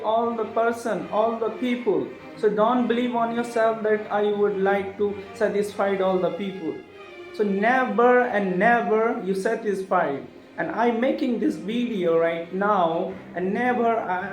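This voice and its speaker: A man talking earnestly in a halting vlog monologue, often restarting his phrases. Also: sits high, darkish tone. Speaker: vlogger. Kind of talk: casual motivational monologue. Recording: echoey room with faint music behind.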